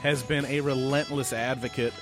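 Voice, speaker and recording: A man's voice: mid-range voice, fairly even intonation, normal speed, over music. An American man hosting a broadcast interview show, introducing and questioning guests. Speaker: show host.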